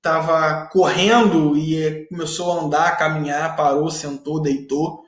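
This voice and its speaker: A male teacher with a fairly high voice gives a chatty online class. He keeps checking in with rhetorical tags. The room around him is echoey. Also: fairly even intonation, a little slow.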